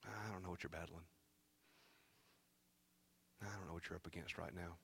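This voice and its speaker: A man preaching a sermon as pastor, swinging from shouted exhortation to hushed, near-whispered pleading. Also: deep voice, steady tone, moderate pace, creaky, slight background noise. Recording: long reverb of a large hall.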